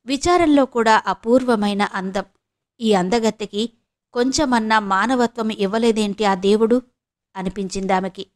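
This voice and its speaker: Soft-spoken woman narrating an audio novel. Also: mid-range voice, normal speed. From India.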